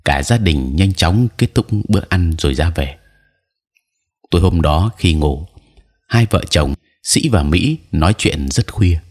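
A man narrating an audio story in a measured, even storytelling manner. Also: low voice.

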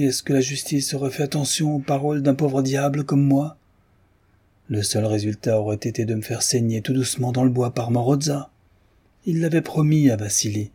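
A man reading the part of a gruff, dying old peasant confessing a crime he witnessed, in an audiobook. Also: medium pitch, mellow.

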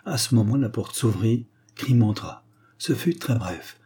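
A man narrating an audiobook thriller with steady, dramatic pacing. His voice is dark and mellow, with a husky grain. He sits at a middle pitch for a man. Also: unhurried. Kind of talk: audiobook reading of a spy novel.

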